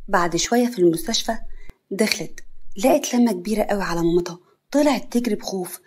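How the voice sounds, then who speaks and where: A woman with an Egyptian accent narrating a dramatic family story in a brisk, matter-of-fact way. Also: mid-range voice, darkish tone, slightly rough. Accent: Egyptian Arabic.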